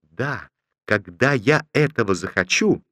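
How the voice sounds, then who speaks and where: A man voicing a spiteful, jilted officer's wife who scolds in a shrill, snappy way. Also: lively intonation, measured pace, fairly bright tone, dry recording, clean studio sound. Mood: indignant.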